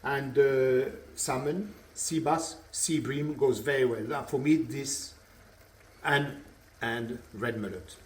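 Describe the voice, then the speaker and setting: A man with a French accent, a chef giving a cooking demonstration in a kitchen, chatty and relaxed, often repeating words as he explains. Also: medium pitch, takes it slowly. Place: kitchen at the stove. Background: sizzling frying pan.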